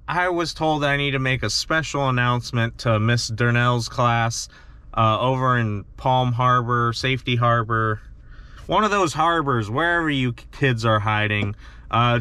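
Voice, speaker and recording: A man's voice: medium pitch, unhurried, pushed and bright, smooth. A young man chatting and joking to camera in a casual fishing vlog, filmed in a parked truck on a dashboard camera. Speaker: fishing vlogger.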